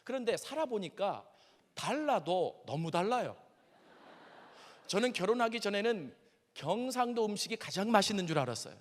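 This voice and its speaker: Lively high-voiced pastor in a reverberant hall. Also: male voice, normal speed. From Seoul, South Korea. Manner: animated, conversational, addresses the audience directly. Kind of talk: sermon lecture with personal stories. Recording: long reverb of a large hall.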